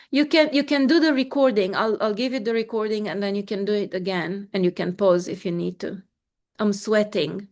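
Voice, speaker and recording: A woman coach leading a live online session, giving gentle, repetitive affirmations and calm breathing cues, and reading out participants' responses. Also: medium pitch.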